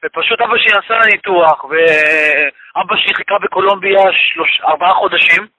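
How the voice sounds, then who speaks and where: A man's voice: high voice, sharp tone, slight background noise, rough recording. A man giving an emotional personal testimony, repeating phrases for emphasis and weaving religious expressions into his speech. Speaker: guest telling a personal story.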